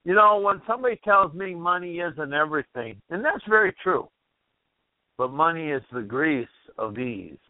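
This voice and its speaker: A man's voice: a little high, expressive, moderate pace, dry recording. A man hosting a motivational call-in radio show, rambling and asking the listener questions while losing his voice. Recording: tinny phone-like radio line.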